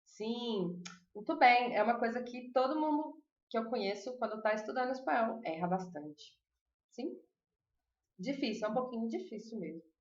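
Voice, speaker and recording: A woman teaching a language class online, chatting with her students, asking them questions and slowly repeating lists of words. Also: fairly high pitch, animated, roomy sound, muffled recording. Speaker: Spanish teacher.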